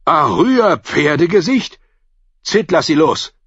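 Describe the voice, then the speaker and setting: A man's voice: lowish voice, animated, a little slow, fairly bright tone, husky, no echo, highs cut off, exaggerated voice. An audiobook reader voicing a grown male retainer who speaks in an earnest, suspicious way. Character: grown male retainer, wary then shaken.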